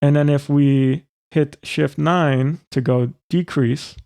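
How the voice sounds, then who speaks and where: A tutorial presenter walks informally through software, one step at a time, in a mellow, gravelly voice of middling pitch. He speaks slowly with fairly even intonation, and the recording is close-miked and very dry, with no echo at all.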